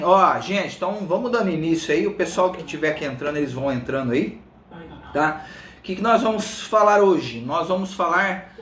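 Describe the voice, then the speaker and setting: A Brazilian fitness coach hosts a casual live stream, chatting informally and greeting viewers by name. His fairly high, fairly bright voice sounds slightly thick from a swollen tongue, and the room sound is roomy and echoing.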